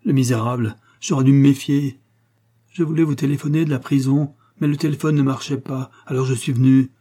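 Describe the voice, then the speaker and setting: A man doing a frantic shouting police chief. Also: fairly even intonation, fairly quick, lightly acted. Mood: agitated. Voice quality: shouting, high-strung and agitated.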